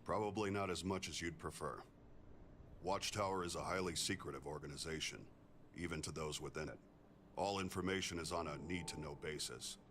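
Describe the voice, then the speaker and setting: An actor playing a composed augmented male ex-soldier engineer in a video game, speaking in a measured, plainspoken way. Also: sits low, a bit bright, slight background noise. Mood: calm. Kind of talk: video game character dialogue.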